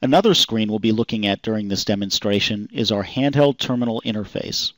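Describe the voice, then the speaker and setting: A man calmly reading a scripted software demonstration voice-over in an even, explanatory way. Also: lowish voice, fairly quick, dry recording. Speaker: software demo narrator. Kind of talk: scripted product demo narration.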